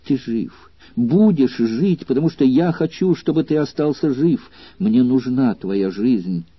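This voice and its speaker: A man's voice: mid-range voice, expressive, measured pace, husky, no echo, highs cut off, voice pushed up. A man voicing a passionate, desperate young woman lover in an audiobook, speaking in a raised, urgent, pleading voice.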